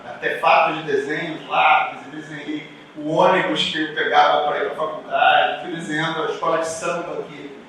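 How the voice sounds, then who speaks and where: A designer from Rio de Janeiro, Brazil, with a Carioca Brazilian Portuguese accent, gives an informal, reflective conference talk, telling his story and tossing conversational asides to the audience. His voice is a little high, pushed and bright. The distant mic in a large, very echoey indoor event room picks up faint noise.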